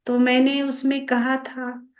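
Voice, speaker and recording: Woman meditation teacher, calm and explanatory, unhurried, high-pitched delivery. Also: dull audio. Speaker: spiritual teacher. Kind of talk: slow spiritual guidance talk.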